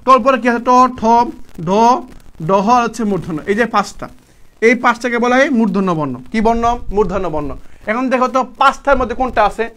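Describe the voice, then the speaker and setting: High-voiced man drilling students in class. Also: expressive, bright, forceful tone. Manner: repetitive, drilling students with quick questions and answers; colloquial, addresses students as brother. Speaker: teacher. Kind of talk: live online exam-prep class.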